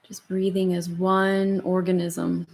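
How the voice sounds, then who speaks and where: In a lowish, creaky voice with little pitch movement, a female yoga instructor leads a guided meditation. Her delivery is a slow, soft, soothing murmur broken by long pauses between phrases.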